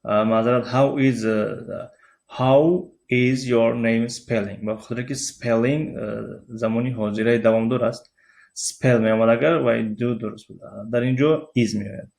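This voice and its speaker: A man with a Tajik accent teaching a recorded language lesson, explaining slowly with frequent pauses and fillers and spelling out letters one at a time. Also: medium pitch, steady tone, creaky, a little mellow.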